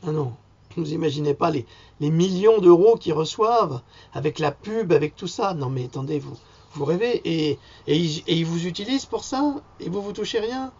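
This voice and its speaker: A man's voice: on the high side, lively intonation, moderate pace, darkish tone, breathy edge. A man ranting indignantly in an improvised vlog, rambling from point to point with sudden mocking outbursts. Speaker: vlogger. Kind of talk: improvised angry rant to camera. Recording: dull lo-fi sound.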